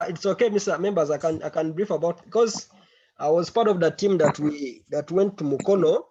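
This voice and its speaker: A man's voice: fairly high pitch, dark tone, slight background noise. A man heard over a conference call, briefing a committee meeting and stumbling over repeated words. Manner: halting, repeats words while searching for them. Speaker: meeting member giving a briefing. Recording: muffled, lo-fi online call audio.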